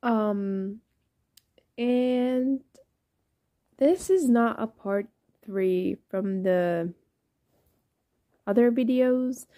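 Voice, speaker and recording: Tired young woman, slow, rambling intro. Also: a little high, warm tone. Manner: rambling, apologetic, many fillers. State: tired, rough voice. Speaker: audio drama creator. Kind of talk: casual intro chat.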